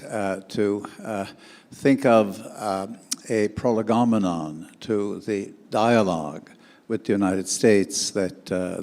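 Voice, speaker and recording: Halting low-voiced man in a hall. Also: a little mellow. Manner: halting, constant filler sounds. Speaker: conference participant. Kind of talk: panel question. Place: conference hall.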